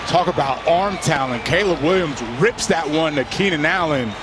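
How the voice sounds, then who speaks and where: A man's voice: a little high, normal speed. A man working as color commentator, giving emphatic, conversational analysis of a live football game. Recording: loud stadium noise behind voice. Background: noisy football stadium.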